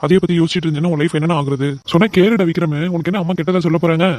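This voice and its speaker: A man's voice: fairly high pitch, fairly even intonation, very fast, darkish tone, close to an everyday voice. A man voicing a brother in a cartoon who pleads with and coaxes his sibling. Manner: pleading, persuading. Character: coaxing elder brother. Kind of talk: cartoon voice acting.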